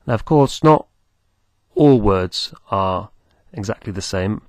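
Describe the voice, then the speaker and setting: A man teaching beginners, speaking slowly and patiently, repeating words for the listener to copy. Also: on the low side, animated, a little mellow, no room sound, studio quality. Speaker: language teacher. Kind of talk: slow, patient teaching with pauses.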